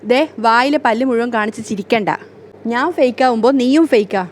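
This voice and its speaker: A woman's voice: fairly high pitch, fairly quick, slight background noise, close to an everyday voice. A woman voicing an indignant young wife. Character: anxious jealous young wife, sharp-tongued.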